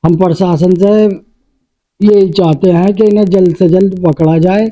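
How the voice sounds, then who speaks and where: High-voiced man making firm demands. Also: steady tone, normal speed, mellow, rough recording. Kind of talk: field news interview.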